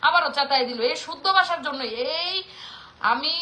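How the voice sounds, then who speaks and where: Here the Mymensingh-accented Bangladeshi vlogger, a woman in her thirties, keeps a moderate pace as she passionately scolds her viewers. Her high voice sounds pushed and bright, with slight background noise behind it.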